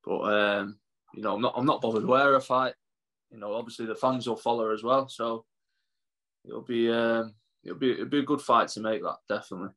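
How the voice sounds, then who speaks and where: A man's voice: mid-range voice, fairly quick, pushed and bright. A man in his twenties, a boxer answering interview questions casually in a laid-back, matey way and often repeating himself. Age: 20s. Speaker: professional boxer being interviewed.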